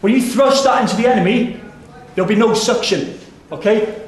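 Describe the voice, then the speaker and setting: Man, weapons instructor, high voice, firm explaining, heavy room echo. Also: moderate pace. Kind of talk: instructional demonstration. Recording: very echoey room.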